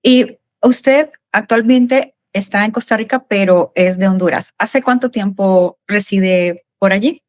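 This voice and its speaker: A woman's voice: mid-range voice, measured pace, hardly any pauses. A woman hosts a business podcast, putting polite, formal questions to her guest. Her voice sounds dry and close, with no room echo around it. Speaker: podcast host. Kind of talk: interviewing a guest.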